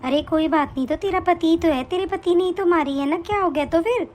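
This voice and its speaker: A woman voicing an older mother-in-law in an animated story, who takes her son's side and scolds her daughter-in-law dismissively. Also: very high voice, fairly quick, voice pushed down. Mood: scolding.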